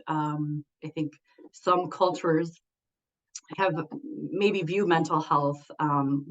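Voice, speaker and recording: A woman mental health clinician answering a question on a panel in a thoughtful, earnest way. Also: sits low. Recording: muffled lo-fi recording.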